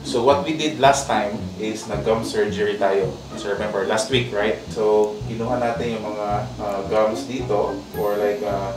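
A dentist with a Filipino accent, talking through a face mask as he explains a procedure to a patient, pausing often to search for words. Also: fairly low pitch, fairly even intonation. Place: dental clinic room. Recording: roomy, distant mic with music behind.

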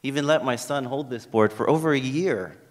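A man's voice: medium pitch, brisk. A middle-aged man from Hawaii with a Hawaiian accent, giving a conference lecture at a podium with plenty of ums and uhs. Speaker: history professor giving a talk. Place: university lecture hall at a podium. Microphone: podium microphone. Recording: reverberant lecture hall.

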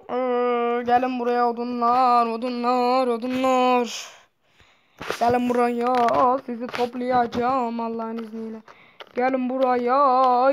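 A high-pitched woman narrating her own gameplay in a loose, chatty way. She mumbles to herself one moment and yelps at the game the next, coaxing animals and logs to come to her. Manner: excitable, jumps from low muttering to loud yelps; talks to the in-game animals and objects. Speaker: Minecraft gameplay commentator. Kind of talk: casual gameplay commentary.

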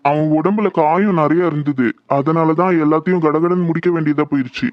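A man's voice: on the high side, a little fast, no echo, highs cut off, natural voice. A man voicing a middle-aged village householder who answers blame firmly and defensively in a dramatized horror story. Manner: firm, defensive.

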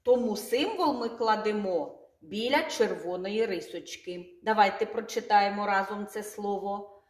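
A woman kindergarten teacher with a Ukrainian accent, speaking slowly and clearly, drawing out sounds and repeating words for the children to echo. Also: mid-range voice. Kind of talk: slow, clearly articulated lesson for small children.

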